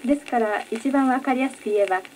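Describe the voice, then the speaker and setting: Female lesson assistant, slightly high voice, careful polite delivery, faint record hiss. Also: fast talker, darkish tone, poor audio. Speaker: announcer assistant. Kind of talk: demonstrating pronunciation in a lesson. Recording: old record with faint noise.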